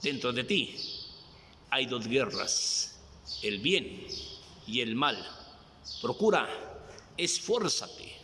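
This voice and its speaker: A male preacher giving a devotional reflection on a Bible passage, with slow, emphatic pleading questions. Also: medium pitch, very animated, sharp tone, in a large hall, slight background noise.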